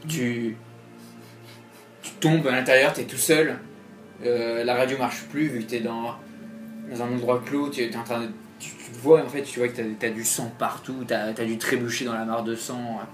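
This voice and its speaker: A man's voice: mid-range voice, fairly even intonation. Man game master in an echoey room. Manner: halting, filler-heavy narration. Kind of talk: narrating a horror tabletop game. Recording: roomy echo, faint music.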